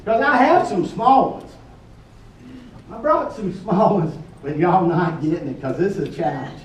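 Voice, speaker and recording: A man's voice: sits high, measured pace, slight background noise. A man, a folksy, joking presenter casually explaining a challenge to a group and repeating his questions. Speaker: workshop presenter. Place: large echoey indoor room with a group. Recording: echoey room, picked up from a distance.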